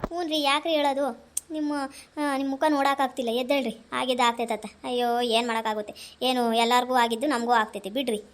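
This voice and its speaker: A woman's voice: a little high, level tone, quick pace, lightly acted. An actress playing a worried young wife, pleading and insistent as she urges her husband to eat. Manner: pleading, insistent, repeating herself. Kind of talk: amateur family drama skit.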